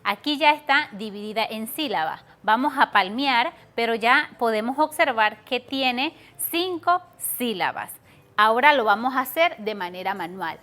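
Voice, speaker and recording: Female teacher, TV lesson for kids; patient, stretches words; high, bright tone. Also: lively intonation, moderate pace. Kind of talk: televised class for schoolchildren.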